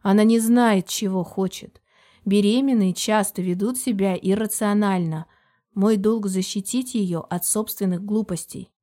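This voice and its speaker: A woman's voice: medium pitch, moderate pace, dark tone, lightly acted. A woman voicing a cold, controlling businessman husband who talks curtly and with steel in his voice. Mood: steely. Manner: curt, steely.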